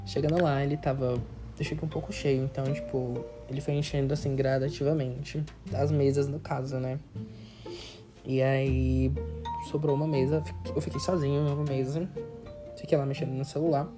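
Chatty Brazilian young man, music behind. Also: mid-range voice. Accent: Brazilian Portuguese. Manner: chatty, filler-heavy retelling with lots of quoted dialogue. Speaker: storytelling vlogger. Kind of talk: casual storytime. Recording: music playing under the voice.

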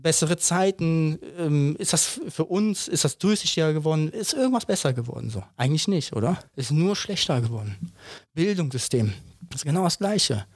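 A man's voice: on the high side, animated, brisk, darkish tone, no room sound, clean studio sound. A man in his thirties co-hosting a podcast, talking bluntly and emphatically in casual chat, firing off rhetorical questions and tagging his points with "ne?". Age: 30s. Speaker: podcast co-host.

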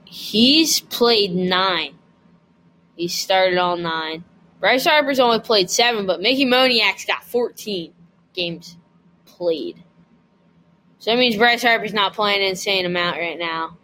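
A man's voice: sits high, slow pace, slight background noise, low-quality recording. A man co-hosting a podcast, chatting casually and matter-of-factly about sports. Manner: calm, matter-of-fact, quotes stats. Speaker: podcast co-host.

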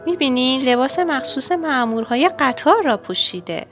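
An eager, curious little girl from a children's storybook, put on by a woman reading aloud. Her voice sits high and leaps about with excitement. Faint music plays under her. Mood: excited.

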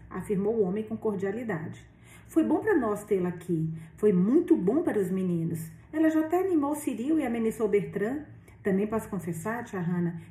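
A woman's voice: medium pitch, warm tone, close to an everyday voice. A woman reading the lines of a kindly, earnest middle-aged man who gets flustered, in her own voice. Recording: roomy echo, distant mic.

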